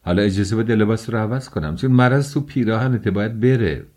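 A man's voice: fairly low pitch, darkish tone, close to an everyday voice. A man reading the lines of an eager, talkative young friend who fusses over a sick companion in an audiobook. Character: cheerful fussing young male friend.

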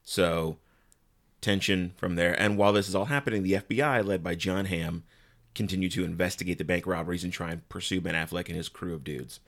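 A young man with a deep, low voice, hosting a casual movie podcast. He recaps plots in an easygoing way, with plenty of "like"s. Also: fairly even intonation, brisk. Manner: easygoing, explains plots, uses "like" often. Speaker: podcast host.

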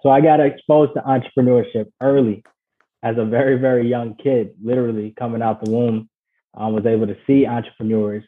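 A man's voice: mid-range voice, fairly even intonation, brisk. A man from Ghana, a guest on an interview show, telling his life story in an earnest, reflective way. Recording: tinny phone-like line.

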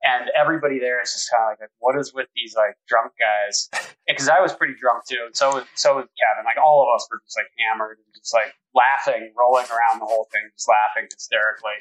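A man's voice: medium pitch, fairly even intonation, quick pace, few pauses, a bit bright, low-quality recording. A middle-aged man, a guest architect, telling casual stories with many restarts and fillers. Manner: rambling, full of restarts and "like". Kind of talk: casual storytelling conversation.

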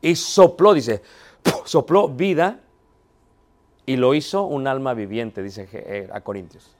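A Bible teacher speaks slowly in a mid-range voice while leading a theology class. He asks questions, makes sure students are following, and tends to pose rhetorical questions and answer them himself.

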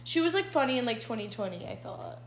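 A woman's voice: on the high side, animated, fast, a little hiss or hum. A young woman from the American South, co-hosting a podcast in casual chat, giggling often and trailing off mid-thought. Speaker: podcast co-host. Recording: roomy echoey room.

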